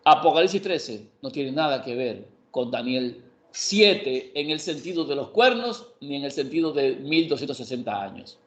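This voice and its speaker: A man's voice: medium pitch, sing-song, moderate pace. A man teaching Bible prophecy in an emphatic way, often asking a question and then answering it himself. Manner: emphatic, asks and answers his own questions. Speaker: preacher. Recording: echoey room, dull lo-fi sound.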